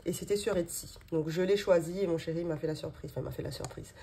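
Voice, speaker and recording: Quick-paced and a bit gravelly, with a fairly low pitch and warm tone, a woman in her thirties chats through a casual show-and-tell vlog. Indoors at her home office desk, she unboxes her budgeting binders, filling her talk with fillers and little laughs.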